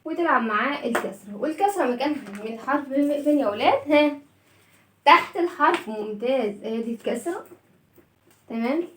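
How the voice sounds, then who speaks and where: A woman's voice: high voice, lively intonation, fairly quick, reverberant, recorded from a distance, a little hiss or hum. A woman with an Egyptian Arabic accent teaching young children letter sounds through a story, stretching out each sound in a sing-song way and praising often. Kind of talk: storytelling phonics lesson for children.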